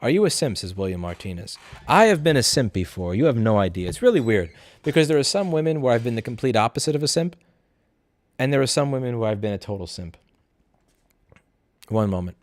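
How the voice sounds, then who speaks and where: A man's voice: mid-range voice, very animated, brisk, no echo. A drunk man hosting a casual livestream Q&A, reading out viewer messages and answering them in a blunt, profane, argumentative way. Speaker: livestream host.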